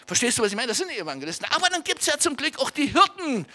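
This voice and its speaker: A man preaching a sermon as pastor, lively and emphatic, often asking his listeners directly whether they follow him. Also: very high-pitched, racing. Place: church service in a meeting centre.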